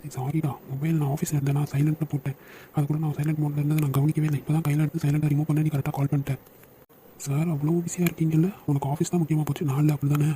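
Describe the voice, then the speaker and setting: A man's voice: a little high, level tone, mellow, slight background noise, natural voice, poor audio. A man voicing the young men of a family in a cartoon drama, brotherly and joking in manner. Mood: teasing. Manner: brotherly, joking, quick-talking.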